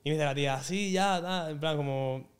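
A man's voice: a little high, moderate pace. A young man, a podcast guest telling a story in casual, slangy talk and acting out what people said. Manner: animated, slangy, acts out quotes. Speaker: guest singer.

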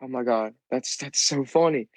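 A man's voice: mid-range voice, normal speed, darkish tone, no echo, poor audio. A teenage boy co-hosting a podcast, telling a long rambling story full of fillers and restarts. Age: teens. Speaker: podcast co-host. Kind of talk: casual chat.

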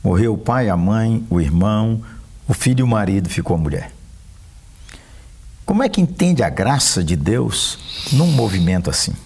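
A man's voice: lowish voice, very animated, normal speed, long pauses, darkish tone, slightly rough. A man, a pastor speaking earnestly about grief and speaking directly to listeners. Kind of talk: conversation on faith and grief.

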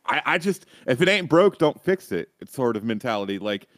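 A man's voice: mid-range voice, very animated, brisk, fairly bright tone, no room sound. Hedging man talking esports. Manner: hedging, thinks aloud with many "I mean"s. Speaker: esports panel analyst. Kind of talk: casual panel discussion.

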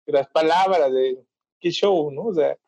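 A young man with a Mexican accent in a casual podcast chat, relaxed, chiming in and laughing along. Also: a little high, measured pace. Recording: dull lo-fi recording.

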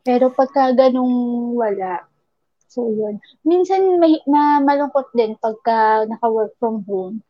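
High-voiced woman venting. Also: expressive, slow pace, no echo, muffled recording. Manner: venting, mixes English into Filipino. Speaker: radio host. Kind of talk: casual chat.

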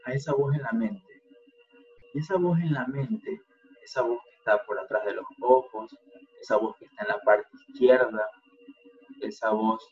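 A man leading a group through a guided relaxation exercise as a workshop facilitator, talking calmly and slowly, with coaxing repetitions. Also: medium pitch, highs cut off. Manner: calm, slow and coaxing, with repetitions.

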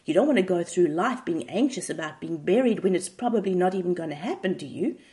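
A woman voicing a blunt, impatient male therapist in a retold comedy sketch, speaking curtly and deadpan. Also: on the low side, fast, lightly acted.

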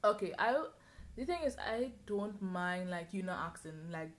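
A woman's voice: mid-range voice, expressive, normal speed, crowd noise. A woman co-hosting a podcast, ranting in casual chat with many "like" fillers. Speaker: podcast co-host.

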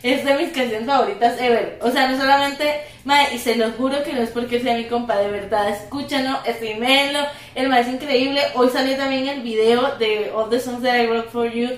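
Young Costa Rican woman co-host, high and slangy, recorded in an echoey room. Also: fairly even intonation, moderate pace, few pauses. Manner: slangy, chatty, addresses listeners as gente. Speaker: podcast co-host. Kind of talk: casual chat.

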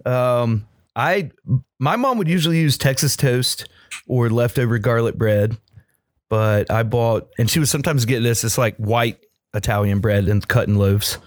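A man co-hosting a casual chat, describing a family recipe in a relaxed, hesitant way. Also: mid-range voice, moderate pace, no room sound, clean studio sound. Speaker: co-host describing his recipe.

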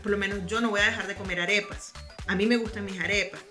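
A Venezuelan woman chatting casually on a podcast, telling lively stories about her life abroad. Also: mid-range voice, fast talker, soft background music. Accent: Venezuelan Spanish. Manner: lively storytelling, acts out quoted voices. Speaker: podcast guest. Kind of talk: casual chat.

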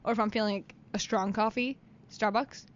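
A young woman co-hosting a podcast in a small studio, chatty and quick to laugh. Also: mid-range voice, fairly even intonation, muffled recording. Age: young adult. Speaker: podcast co-host. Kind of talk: casual chat. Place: radio studio. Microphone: studio mic.

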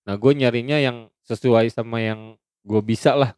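A young man with a Jakarta accent talks in relaxed, everyday Jakarta slang. His voice sits at a middle pitch and he often rephrases to make himself clear. The sound is dry, with little room in it. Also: moderate pace, no echo. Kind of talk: casual chat in Jakarta slang.

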